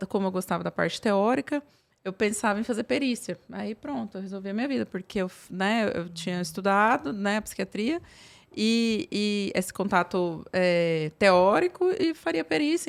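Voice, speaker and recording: A woman's voice: medium pitch, expressive, moderate pace, vocal fry. Brief: woman, 30s, psychiatrist guest, chatty storytelling, lots of fillers. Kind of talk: casual interview talk.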